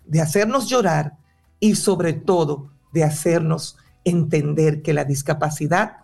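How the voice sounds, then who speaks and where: A woman's voice: low-pitched, unhurried, gravelly, darkish tone, breathy edge, soft background music. A woman theater director and drama teacher answering interview questions in a passionate, explanatory way.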